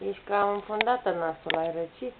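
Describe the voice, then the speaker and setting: Young mom doing baby talk at home, thin tinny camera sound, bit of hiss. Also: female voice, medium pitch. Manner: coaxing, repetitive prompts to a small child. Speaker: mother filming her toddler. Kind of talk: playful baby talk to a toddler. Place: home, in a room with a bed. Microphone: camera's built-in mic. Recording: tinny lo-fi home camera audio with faint noise.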